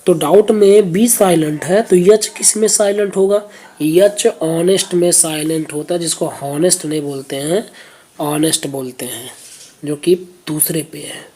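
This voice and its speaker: A woman's voice: on the low side, moderate pace, mellow. A woman teaching reasoning, patiently explaining exam questions step by step and checking in with her viewers.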